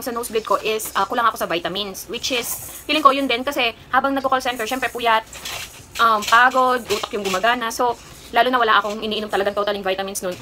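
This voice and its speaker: Rambling with lots of fillers, a young Kapampangan-accented woman from the Philippines, in her 20s, tells a personal story while casually chatting in a haul vlog. Her fairly high voice sounds bright and pushed, on a low-quality recording with slight background noise.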